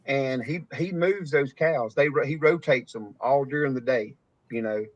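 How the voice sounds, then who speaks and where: A Texan cattle farmer, medium-pitched and speaking at normal speed, hosts an easygoing live-stream chat. Rambling and laughing, he tells stories in rural Southern grammar. The audio comes through dull, dry and lo-fi.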